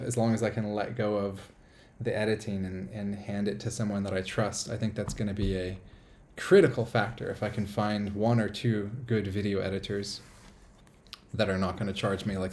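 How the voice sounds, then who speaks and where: A man's voice: lowish voice, flat delivery, moderate pace, gravelly, darkish tone, a little hiss or hum. A man from the United States hosting a casual live stream from a small apartment, rambling upbeat and reading viewer comments aloud.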